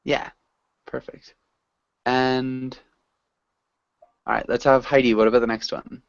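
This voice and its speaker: A man's voice: mid-range voice, little pitch movement, unhurried, vocal fry, smooth, dry recording. A man teaching an online English class, patient and encouraging. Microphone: video call. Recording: dull video call audio.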